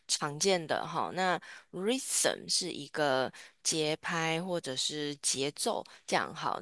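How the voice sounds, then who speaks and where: Low-voiced teacher. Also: female voice, a bit bright, dry recording, studio quality. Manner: starts nearly every phrase with "好", patient explaining. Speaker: English teacher. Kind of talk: online English lesson.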